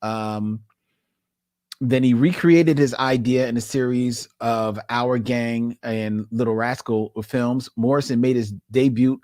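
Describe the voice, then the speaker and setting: A man's voice: medium pitch, fairly even intonation, takes it slowly, a little mellow, dry recording, clean studio sound. A man co-hosting a podcast in casual chat, laughing often and reading listener posts aloud. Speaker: podcast co-host.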